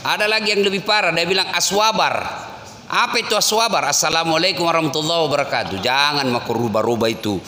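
A man's voice: a little high, fast talker, sharp tone. A male preacher giving a humorous sermon, telling stories with acted dialogue and teasing asides to the congregation. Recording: echoey hall, faint ambient noise.

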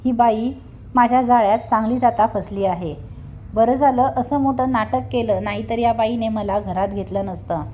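A sly, scheming young woman thinking aloud, as a woman storyteller voices her. Her voice is fairly high. She speaks in a quiet inner monologue. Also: normal speed, a little hiss or hum, close to an everyday voice. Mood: smug.

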